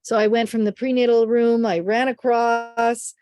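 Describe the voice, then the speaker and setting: An older woman, a midwife, tells a birth story in an animated way and acts out the voices of the people in it. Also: a little high, normal speed, dry recording, clean studio sound. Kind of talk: storytelling in an interview.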